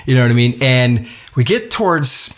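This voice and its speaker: A man telling a personal anecdote in a casual, conversational way, with lively asides and self-corrections. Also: medium pitch, moderate pace. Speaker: storyteller. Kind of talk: casual spoken storytelling.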